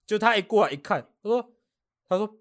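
A man's voice: high voice, fast talker. A man with a Taiwanese Mandarin accent telling a story in casual chat, acting out what people said and laughing often. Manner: animated, acts out quotes, laughs often. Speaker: podcast guest.

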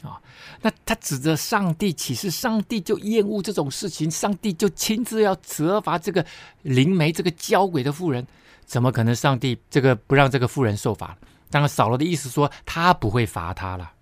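Dry-sounding teacher. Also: male voice, a little high, expressive, normal speed, no room sound. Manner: explanatory, with frequent tag particles and emphatic asides. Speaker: Bible teacher. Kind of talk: Bible study lesson.

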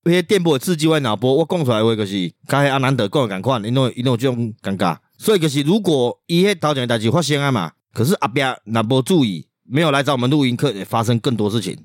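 A man with a Taiwanese accent talks at a rapid clip in a mid-range voice. He tells casual stories as a podcast co-host, slipping between dialect and Mandarin. The sound is dry and close. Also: mid-range voice, expressive, dry recording. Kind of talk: casual storytelling chat.

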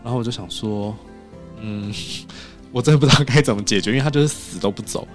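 A man telling stories in a casual podcast chat in a recording studio, animated and acting out the other people's lines. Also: on the low side, quick pace, soft background music. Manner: animated, acts out quoted dialogue.

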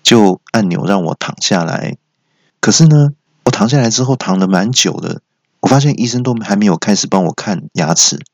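Male comic podcaster, gravelly, dry studio sound. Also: moderate pace, no room sound. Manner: animated, slips into squeaky character voices. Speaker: comedy podcast host. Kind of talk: comic storytelling monologue.

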